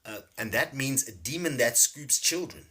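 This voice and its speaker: A man teaching casually on a livestream, animated, repeating words and laughing often. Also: mid-range voice, moderate pace. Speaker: spiritual teacher streaming live. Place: home livestream setup.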